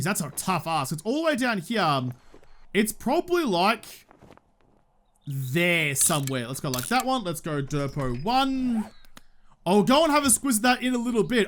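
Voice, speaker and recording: A man's voice: high-pitched, big pitch swings, normal speed, fairly bright tone. An Australian man giving casual gameplay commentary, talking in a slangy, joking, cheerfully sweary way. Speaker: gaming video host.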